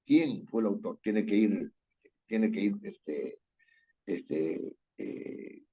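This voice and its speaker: A male writing teacher leads an online class with a mellow, slightly husky voice. He reads a passage aloud, names every comma and accent mark, and keeps asking his students to confirm. The sound is dull and lo-fi, like a video call. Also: on the low side, expressive, drawn-out words. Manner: dictates punctuation aloud, checks with "¿no es cierto?". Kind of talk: online class, reading and correcting a text.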